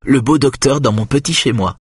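Un homme jouant une jeune femme aguicheuse. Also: male voice, fairly low pitch, normal speed, no echo, clean studio sound, pitched above the performer's own voice. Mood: teasing. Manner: teasing, breathy whispers and giggly outbursts.

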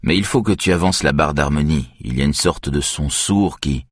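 A man reading an audiobook, voicing a cool, measured man who speaks quietly. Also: extremely low pitch, dry recording, clean studio sound.

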